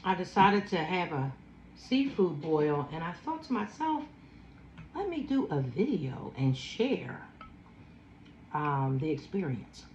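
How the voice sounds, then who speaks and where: Slow low-voiced woman in her fifties. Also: sing-song, a little mellow, reverberant, dull audio, slight background noise. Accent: Philadelphia. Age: 50s. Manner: slow, savoring, chatty with food sounds. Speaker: food vlogger. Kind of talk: casual eating chat.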